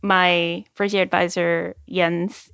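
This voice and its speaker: A young woman, a podcast guest, chatting casually and telling stories with quick acted-out quotes and lots of "like". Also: on the low side, little pitch movement, vocal fry, fairly bright tone, smooth. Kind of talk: casual chat.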